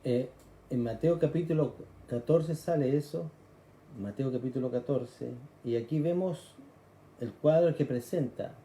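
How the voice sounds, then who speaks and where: Chilean man preaching, dark echoey voice. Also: mid-range voice, measured pace. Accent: Chilean Spanish. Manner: explains scripture conversationally, acts out cries. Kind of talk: sermon.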